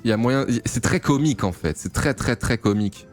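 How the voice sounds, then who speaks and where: A man from France breaks down a game replay in relaxed, teasing chat. He jokes, swears freely and keeps bursting into exclamations, with faint music under his voice. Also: medium pitch, fairly quick. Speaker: StarCraft grandmaster analysing a replay. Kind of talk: casual gameplay commentary.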